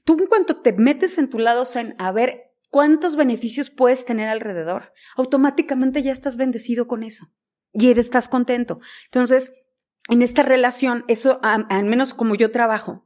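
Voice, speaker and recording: A woman journalist with a Mexican Spanish accent, a guest on a podcast, telling stories and acting out the dialogue. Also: a little high. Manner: animated storyteller, acts out dialogue. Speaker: guest, journalist and news director. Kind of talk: conversational podcast interview.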